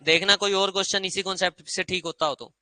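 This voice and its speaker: A man's voice: high voice, fairly even intonation, fast, bright, forceful tone, dry recording. A man teaching English grammar to a class, quizzing students and having them repeat rules aloud. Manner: drills students with call-and-response repetition; quizzing, asks many short questions.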